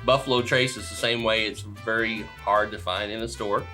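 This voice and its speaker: A man's voice: fairly low pitch, fairly even intonation, normal speed, pushed and bright, soft background music. A man hosting a casual whiskey tasting, chatty and explaining things with easy laughs. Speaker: host.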